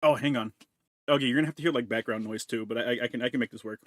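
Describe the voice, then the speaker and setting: A man's voice: mid-range voice, rapid-fire, fairly bright tone, dry recording, clean studio sound. A man streaming from home, chatting casually and crudely with his chat while eating and chewing into a desk mic. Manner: crude, joking, talks while chewing food. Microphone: desk mic with noise removal.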